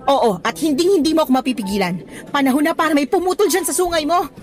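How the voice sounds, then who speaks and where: An actress in a Tagalog radio drama plays a principled young woman teacher with a Filipino accent, earnest and scolding, sometimes switching into English. Her high voice is fast and lightly acted, with an indignant, firm mood.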